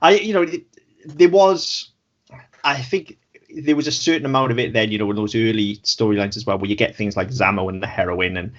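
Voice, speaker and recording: A man's voice: lowish voice, brisk. Sweary man on a lo-fi podcast. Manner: blunt, sweary, rambling with restarts. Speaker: podcast co-host. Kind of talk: casual chat. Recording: dull lo-fi audio.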